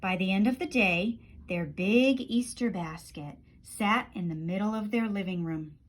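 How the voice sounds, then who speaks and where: With a mid-range voice and a slightly slow delivery, a woman reads a children's book expressively, letting the ends of her phrases fall away softly.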